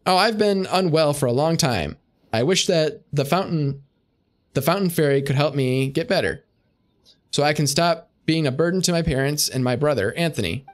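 A man's voice: on the high side, lively intonation, moderate pace, lightly acted. A man voicing a frail, sickly young girl in a game, coughing as she speaks. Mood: wistful. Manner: soft, coughing between words.

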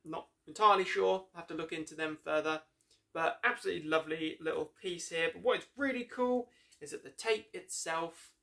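A young adult male music reviewer and host gives an upbeat, casual review to camera, wandering slightly and self-correcting mid-thought. The voice is on the high side, gravelly, pushed and bright. The setting is an indoor small room with shelves along the walls.

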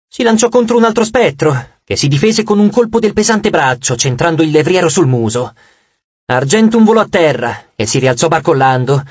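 A man's voice: a little high, husky, no echo, highs cut off. A man narrating an audiobook with dramatic, scripted storytelling.

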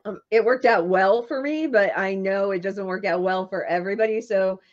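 A woman guest in an interview, telling animated stories about her career and laughing often. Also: mid-range voice, moderate pace, dull audio. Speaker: screenwriter and marketing guest. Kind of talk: interview storytelling.

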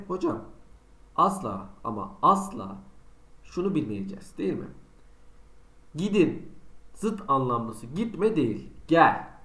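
A man teaches a school lesson online, his voice sitting a little high for a man. He keeps putting students' questions to himself and answering them with chatty, teasing examples. The room around him rings with echo. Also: pushed and bright. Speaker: Turkish teacher.

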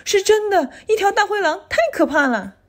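A woman voicing a frightened little boy who speaks in a high, urgent, whiny way in a storybook reading. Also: lively intonation, moderate pace.

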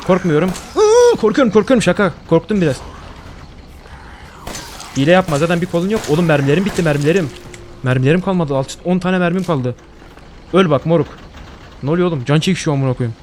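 A young man streaming a horror game, swearing a lot and jumping into loud panicked outbursts. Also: a little high, fast talker, long pauses, slight background noise. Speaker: gaming streamer. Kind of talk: horror game let's play.

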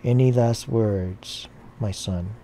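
A man's voice: on the low side, slow, mellow, slight background noise. A man voicing a stern male priest who speaks solemnly.

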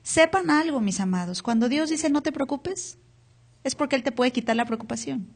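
High-voiced woman pastor preaching live. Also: normal speed. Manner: asks the congregation to repeat words aloud. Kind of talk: sermon. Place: church hall, captured live.

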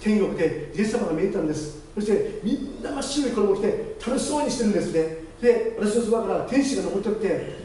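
A man, the pastor, giving a lively testimony sermon and acting out the voices of the people in his story. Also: high-pitched, fast. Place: church chapel. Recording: very echoey hall, distant mic, faint noise.

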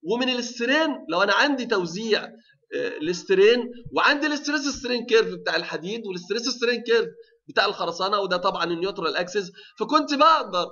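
A man's voice: sits high, lively intonation, racing, pushed and bright, muffled recording. A male university lecturer with an Egyptian Arabic accent, giving a technical lecture, often asking the class rhetorical questions and restarting his sentences.

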